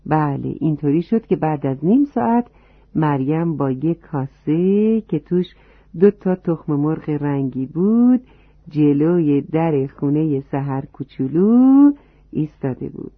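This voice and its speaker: An animated, mid-range voice narrates a storybook tale for children and addresses them directly and warmly. The dry, tinny recording resembles a phone and has no echo.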